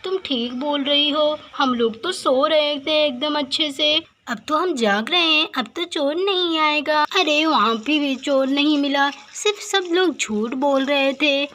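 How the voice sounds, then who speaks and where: Woman voicing a calm village sister-in-law, bright and high. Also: a little slow, few pauses, slight background noise. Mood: easygoing. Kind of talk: doll story role-play.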